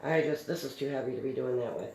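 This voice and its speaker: This DIY crafts host is a middle-aged woman whose mellow bass voice moves at a quick pace. Chatting casually as she crafts, she spins a relaxed story full of fillers and frequent laughter. Her recording carries a roomy echo with a little faint noise.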